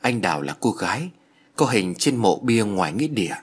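A man voicing a young man who speaks in an awkward, halting way in an audio story. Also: fairly low pitch, big pitch swings, slightly rough. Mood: hesitant. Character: young man, hesitant friend.

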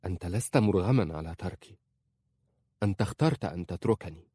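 A man reading aloud and voicing a proud, stubborn young wife in a raised, higher voice. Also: lively intonation, fairly quick, mellow, husky, no echo, clean studio sound. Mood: cold.

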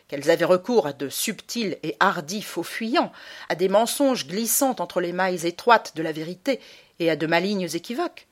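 Woman narrating a literary audiobook. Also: on the low side.

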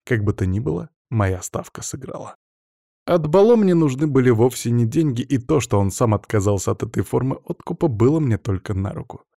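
Calm, mellow male audiobook narrator. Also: medium pitch, vocal fry, no room sound, clean studio sound. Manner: calm, measured storytelling. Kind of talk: first-person scripted narration.

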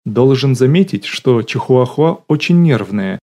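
Man doing a sly young smooth-talker, dry teasing manner, audiobook, mellow dark tone. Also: mid-range voice, lively intonation, a little slow. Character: sly joking young man, smooth-talking con artist.

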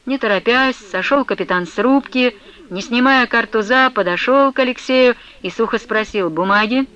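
A woman reading a classic novel aloud as an audiobook, in even, expressive storytelling narration. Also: fairly high pitch, normal speed. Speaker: audiobook reader. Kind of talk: scripted literary narration. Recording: slightly dull lo-fi audio.

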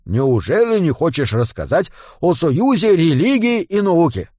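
Man voicing a dwarf, male, gruff, short-tempered, crude, blustering. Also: a little high, very animated, unhurried, darkish tone, no room sound, clean studio sound.

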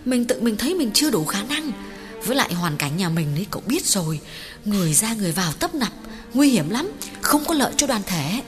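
A woman's voice: mid-range voice, big pitch swings, brisk, faint music behind, close to an everyday voice. A woman voicing an anxious young village woman in an audiobook, who protests and pleads. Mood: pleading.

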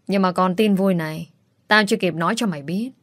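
A woman's voice: fairly low pitch, brisk, a bit bright, no echo, natural voice. Woman doing a spiteful scheming stepmother. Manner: sneering, contemptuous. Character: scheming cruel middle-aged stepmother, spiteful.

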